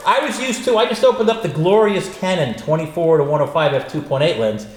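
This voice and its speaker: A man's voice: fairly high pitch, fairly quick. An older American man hosting a casual unboxing, chatting with wry, grumbling asides, recorded in a big echoey room. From United States. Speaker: host. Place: large echoey room, not his usual studio. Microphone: studio mics set up nearby. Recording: echoey room with faint noise.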